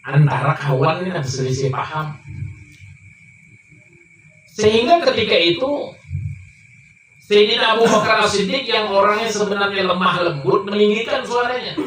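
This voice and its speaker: A man preaching a sermon, telling a story that often climbs high and emphatic. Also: normal speed, pauses often, a bit bright. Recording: echoey room, mic far off, faint noise.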